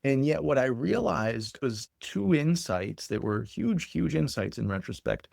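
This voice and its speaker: Man, interview guest, gravelly voice, animated, repeats words for emphasis, mid-pitched. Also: unhurried, no room sound, studio quality. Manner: animated storyteller who repeats words as he builds a point. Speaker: guest, company founder. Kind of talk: conversational interview.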